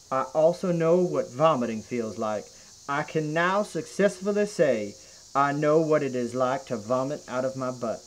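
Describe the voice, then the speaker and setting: A man's voice: on the high side, poor audio. A man with a Southern US accent reads a humorous story aloud in a theatrical, earnest storytelling manner. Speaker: reader of humorous reviews. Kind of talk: comic dramatic story reading.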